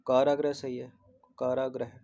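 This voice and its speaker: Mellow-voiced man explaining spellings. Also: mid-range voice, flat delivery, normal speed, muffled recording. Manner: repeats each word several times, explaining spellings; mixes English numbers and terms into Hindi. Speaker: teacher. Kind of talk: exam test-series answer walkthrough.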